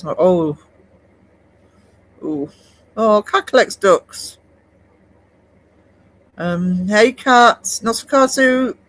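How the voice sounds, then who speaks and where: This art livestream host has a high-pitched voice and keeps things casual, reading live comments and rambling to his viewers. His talk is full of fillers and restarts, and the recording sounds rough.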